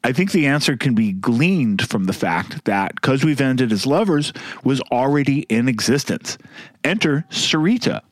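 A man's voice: mid-range voice, lively intonation, moderate pace, no echo. A man hosting a music podcast, talking casually and wryly about songs and sometimes humming melodies. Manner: chatty, wry, hums melodies. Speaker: podcast host.

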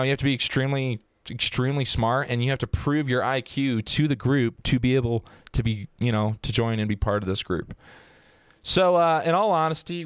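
A man's voice: mid-range voice, smooth, dry recording, clean studio sound. A man hosting a casual true-crime podcast, telling the story in a joking, profane and rambling way. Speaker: podcast host.

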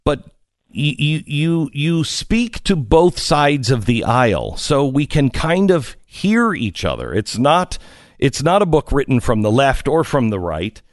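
A man hosting a radio talk show, interviewing a guest in a halting way, with many fillers and repeated words. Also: medium pitch, sing-song, dry recording, clean studio sound. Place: radio studio. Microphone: studio mic.

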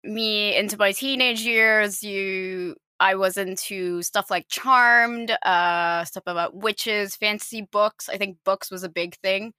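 A bright-voiced woman in her late twenties, born in Finland, whose international-school accent sounds nearly American. She talks as an interview guest in a chatty, self-deprecating way. Her voice is close and dry, with no room behind it. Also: medium pitch, steady tone, slow pace, hardly any pauses, clear, resonant tone, no echo. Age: 20s. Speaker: podcast co-host, guest. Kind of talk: casual interview chat.

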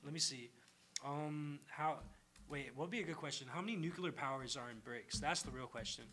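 A man hosting a casual podcast, with a relaxed and offhand way of talking. His voice sits a little high. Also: brisk. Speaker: podcast host.

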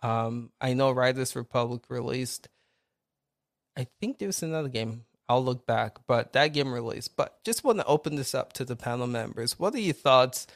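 A man's voice: medium pitch, dry recording. Host type: Nigerian-accented man, chatty and upbeat, dry studio sound. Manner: upbeat, greets viewers by name. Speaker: podcast host. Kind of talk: casual live-stream chat.

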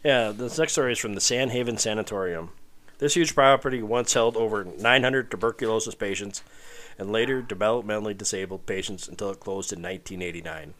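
A man's voice: fairly low pitch, fairly quick, fairly bright tone. A man co-hosting a casual podcast, chatting and reading out stories with crude, wry humor. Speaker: podcast co-host. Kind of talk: casual podcast chat with read-out ghost stories.

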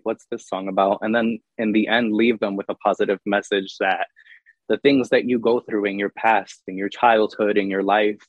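Earnest young man with a low voice. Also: no echo, muffled recording. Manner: earnest, open, with many ums and you-knows. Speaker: singer-songwriter guest. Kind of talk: reflective interview answers.

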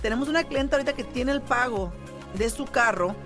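A woman's voice: a little high, a little fast, over music. Woman, conversational radio host. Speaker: radio show co-host and mortgage lender. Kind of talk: casual on-air talk and advice.

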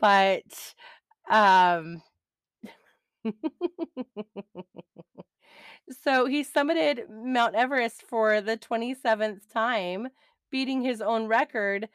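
A middle-aged woman hosting a podcast, chatting excitedly and laughing easily as she recaps. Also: fairly high pitch, slow pace, clear, resonant tone, no room sound, studio quality. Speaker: podcast host.

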